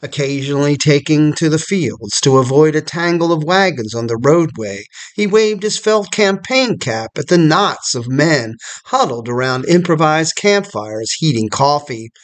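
A man with a somewhat higher-than-usual voice reads a scripted history documentary. He narrates in a measured, storytelling manner, with the even pacing of a prepared script.

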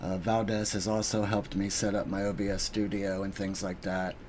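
A man giving an earnest, halting thank-you speech on his live stream, pausing often with ums. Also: low-pitched, little pitch movement, darkish tone, slight background noise. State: getting emotional.

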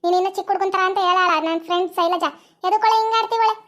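A woman voicing a bossy, quick-tempered young woman who scolds and mutters to herself. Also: very high-pitched, fairly even intonation, a bit bright. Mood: scolding.

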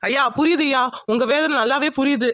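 This is a determined male police inspector in an animated crime story. He questions people firmly and keeps insisting on answers. The voice sits high and sounds close and dry. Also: brisk, no room sound. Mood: reassuring. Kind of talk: cartoon voice acting.

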